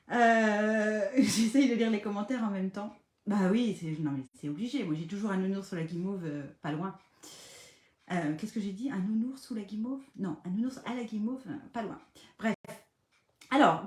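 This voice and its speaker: A middle-aged woman from western France hosting a live paper craft tutorial from home, chatty and playful, with many hesitations. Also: medium pitch. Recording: echoey room.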